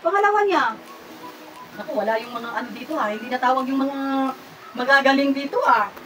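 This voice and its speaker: A Filipino woman vlogger hosting a giveaway raffle, talking casually to her viewers with playful teasing and excited squeals. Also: high voice, fast. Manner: chatty, excited squeals at each winner, playful self-teasing. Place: hot room indoors. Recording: mic at a distance, music playing loud.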